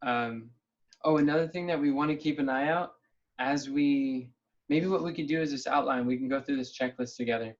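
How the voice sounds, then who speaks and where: A man's voice: medium pitch, brisk. A man leading a casual planning call over a video link, thinking aloud in an upbeat way. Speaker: meeting leader. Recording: dull lo-fi call audio.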